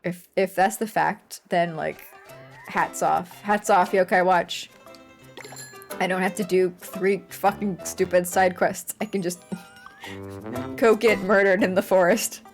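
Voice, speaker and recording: A woman streaming live gameplay, talking in an animated, playful way and swearing casually. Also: mid-range voice, measured pace. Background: faint game music.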